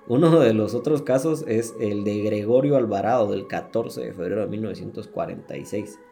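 A man's voice: lowish voice, moderate pace, creaky, dark tone, faint music behind. A man with a Guatemalan Spanish accent hosting a podcast, retelling true-crime cases in a crude, slangy way with swearing and laughter. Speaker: podcast host. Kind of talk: casual true-crime storytelling.

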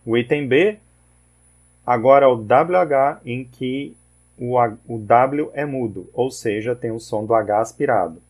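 A man teaching English pronunciation rules in a slow, methodical lesson, patiently repeating lists of words. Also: medium pitch, darkish tone.

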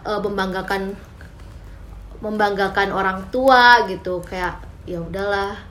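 A young college woman talks things over with friends, slowly and thoughtfully, stopping often to find her words. Faint noise sits behind her. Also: mid-range voice, fairly even intonation, fairly bright tone. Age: young adult. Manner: reflective, hesitant, many fillers. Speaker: college student. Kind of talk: casual group chat.

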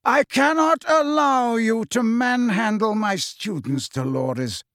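A man voicing a calm, courteous, very old male headmaster who speaks with polite irony. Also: high voice, gravelly, husky, no echo, studio quality, voice pushed up, full character voice. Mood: stern. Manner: politely ironic, measured.

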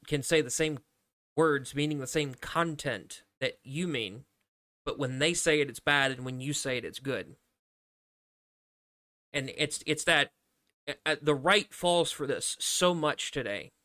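Man with a sharp bright voice, pushes his points hard, trips over repeats, dry mic. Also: medium pitch, dry recording. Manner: emphatic, stumbling over repeated words. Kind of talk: casual chat.

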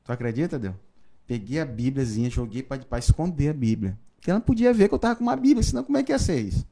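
A man, a pastor giving his conversion testimony in a podcast interview, telling it in a lively storytelling way with frequent tag questions. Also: mid-range voice, very fast, vocal fry. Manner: storytelling, animated, frequent "né?" tags.

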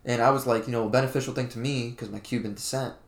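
Co-hosting a podcast, a young Florida man rambles in a relaxed, casual chat packed with filler words. He talks quickly in a steady, mid-range voice, and the recording is reverberant.

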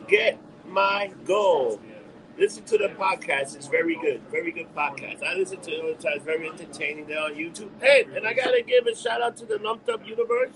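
Lively intonation and a quick pace mark this New Yorker's high-leaning voice as he hosts a casual bar-talk podcast. He has a New York accent and tells brash, profane, rambling stories. A crowd murmurs in the background of the low-quality recording.

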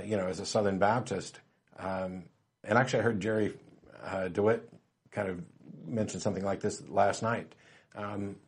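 A man hosting a call-in show, telling stories in a wry, relaxed way with plenty of fillers, turning emphatic when he argues a point. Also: lowish voice. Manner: grows emphatic and lively when arguing. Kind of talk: casual call-in talk.

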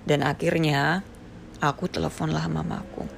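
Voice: mid-range voice, fairly even intonation, a little slow, vocal fry, slight background noise. A speaker in their thirties from Papua, telling an emotional personal story and acting out quoted dialogue. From Papua, Indonesia.

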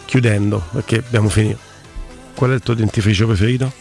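A man's voice: lowish voice, fairly even intonation, quick pace, creaky, darkish tone, soft background music. A man with a Roman accent hosting a sports radio show in a casual, bantering, colloquial way.

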